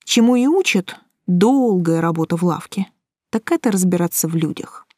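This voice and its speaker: Calm, wry woman narrating an audiobook. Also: fairly low pitch, moderate pace, no echo, studio quality. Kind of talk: first-person audiobook narration.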